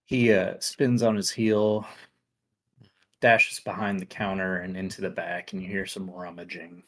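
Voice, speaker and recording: A man narrating as game master of a tabletop game, relaxed and loose with frequent fillers. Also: low voice, unhurried.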